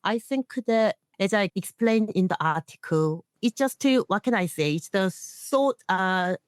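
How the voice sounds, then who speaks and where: A middle-aged woman, an internationally trained nurse and leader, gives an earnest personal account as a guest in an interview. She speaks English, which isn't her first language, with non-native phrasing, using a medium-pitched voice with lively intonation at a measured pace, with no echo.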